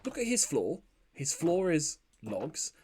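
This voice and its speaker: A man's voice: on the high side, huge pitch swings, slow pace, a little mellow, slight background noise. Chatty man rambling over gameplay. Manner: rambling, chatty, lots of ums and fillers. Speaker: let's play host. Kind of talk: casual gameplay commentary.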